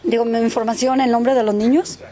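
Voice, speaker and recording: A woman's voice: a little high, fairly even intonation, fairly quick, dark tone. A woman, a mother and neighbor, telling an interviewer what happened in a rambling way, acting out what people said and slipping English words into her speech. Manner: mixes English words into Spanish. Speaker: neighbor giving a witness account. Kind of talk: casual spoken account, interviewed.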